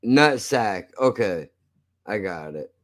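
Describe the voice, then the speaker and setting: An American man chats casually on a live stream in a lowish, expressive voice at a slow pace. He's blunt, profane and self-deprecating, and his speech is slightly slurred with a lisp, as though he's missing teeth.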